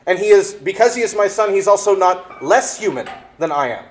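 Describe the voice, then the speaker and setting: A man preaching a sermon, reading scripture and then explaining it with lively acted-out exchanges. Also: high voice, fairly quick. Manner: animated preaching, acts out exchanges in quoted voices. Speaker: pastor.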